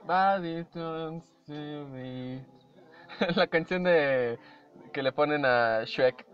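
A man's voice: a little high, extremely slow. A young Mexican man reacting to videos in casual, playful chat, humming and mimicking tunes as he goes. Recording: dull lo-fi audio with faint music.

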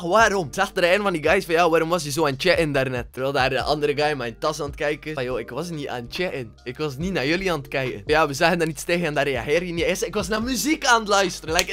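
Fast-talking young Flemish guy. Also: on the high side. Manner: slangy, animated, mixes English words into his talk. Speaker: vlogger. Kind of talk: casual storytime monologue.

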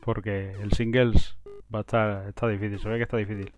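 Excitable man commentating gameplay. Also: on the low side, a little fast, highs cut off. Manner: excitable, frustrated outbursts and self-talk. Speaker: gaming video host.

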